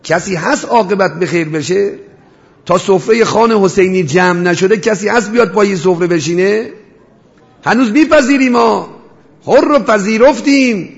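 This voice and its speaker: A man preaching a mourning sermon, rhetorical, swinging between loud cries and hushed storytelling. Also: high-pitched, vocal fry. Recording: dull reverberant hall sound.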